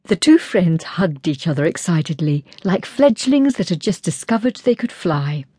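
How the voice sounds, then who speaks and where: Woman narrator, soft and breathy, warm low voice, dry close sound, audiobook reading. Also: big pitch swings, moderate pace, no echo. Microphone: close studio mic.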